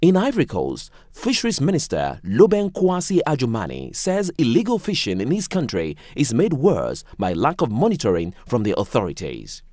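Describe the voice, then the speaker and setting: Man reading news with lively pitch. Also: no echo, clean studio sound. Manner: measured reading with wide pitch swings. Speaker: news reporter. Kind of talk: scripted news narration.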